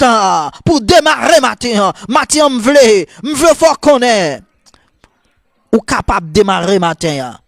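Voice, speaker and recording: Fervent Haitian Creole-accented priest preaching. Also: male voice, very high-pitched, creaky, no room sound, clean studio sound. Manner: fervent, repetitive call-and-response cadence; soft murmured prayer. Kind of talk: morning prayer sermon.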